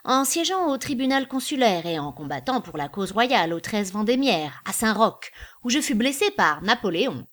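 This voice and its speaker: A woman's voice: fairly high pitch, very animated, normal speed, fairly bright tone. A woman reading a proud old-fashioned shopkeeper. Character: proud self-satisfied male shopkeeper.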